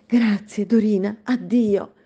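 A woman voicing a gentle, frightened young princess who begs for mercy. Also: medium pitch, fairly even intonation, takes it slowly, slightly rough, muffled recording, pitched above the performer's own voice. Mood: pleading. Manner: pleading.

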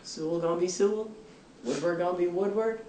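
A woman's voice: fairly low pitch, brisk, dark tone. A middle-aged woman coach giving an emphatic, instructive pregame pep speech to her team in a locker room. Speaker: basketball coach. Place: small indoor locker room in front of seated players. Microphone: camera several feet away. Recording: roomy locker room, distant mic, faint noise.

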